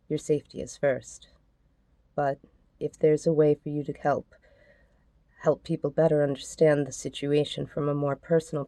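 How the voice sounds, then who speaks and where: Woman podcast host, low dark voice with some fry, soft and earnest, reading messages aloud. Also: no echo.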